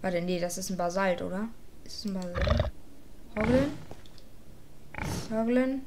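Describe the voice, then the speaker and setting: A woman giving casual, slangy gameplay commentary, excitable and exclaiming, talking both to her viewers and to the creatures in the game. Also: medium pitch, unhurried, noisy background. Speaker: gaming YouTuber.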